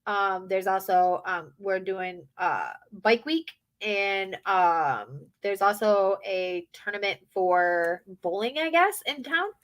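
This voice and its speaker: Chatty woman with a bright voice. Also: medium pitch, animated, slow, few pauses. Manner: chatty, rambling, acts out quotes. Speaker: hotel front desk worker. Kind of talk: casual storytelling chat.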